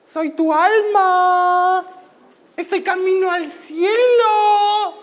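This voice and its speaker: A man voicing the soul of a samurai as a high, wailing girl's spirit in a told story. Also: drawn-out words, exaggerated voice.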